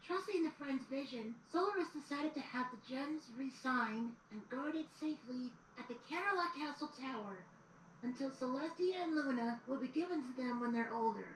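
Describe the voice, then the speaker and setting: Playing a young boy dragon assistant in an audio drama, a woman narrates history like a storybook, earnestly. She speaks at a moderate pace with a high, animated voice, and the playback is roomy, distant, and noisy.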